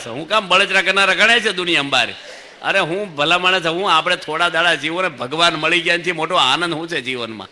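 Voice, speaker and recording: A man's voice: fairly high pitch, pushed and bright, slight background noise. A man giving a sermon to an audience that includes children, telling stories and putting questions to the listeners. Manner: storytelling with voiced characters, asks the audience questions. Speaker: swami giving a religious discourse. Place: assembly hall with children in the audience.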